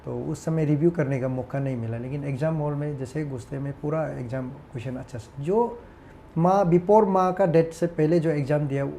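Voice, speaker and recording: A man's voice: fairly high pitch, fairly even intonation, moderate pace, dark tone, slight background noise. A man, a guest on a talk show, telling a personal story in an earnest, hesitant, reflective way.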